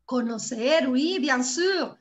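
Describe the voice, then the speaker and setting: Woman, teaching French online. High, unhurried, lo-fi call audio. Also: animated. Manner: patient, repeats words slowly and checks for understanding. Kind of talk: live online class teaching grammar.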